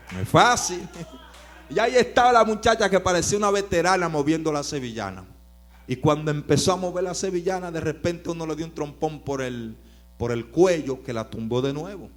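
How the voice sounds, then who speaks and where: A man preaching a storytelling sermon, swinging from loud emphatic bursts to quiet narration. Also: fairly high pitch, a little fast.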